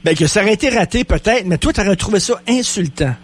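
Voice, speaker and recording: Pushy Quebec radio host. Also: male voice, sits high, animated, fast, husky. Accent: Quebec French. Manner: provocative, pressing questions. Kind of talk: heated radio debate.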